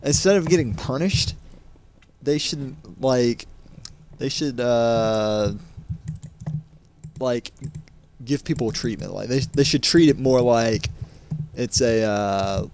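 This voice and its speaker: Teenage guy, slow halting talk, casual podcast, faint background hiss. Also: mid-range voice, darkish tone. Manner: hesitant, halting, short interjections. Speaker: podcast co-host. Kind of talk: casual chat.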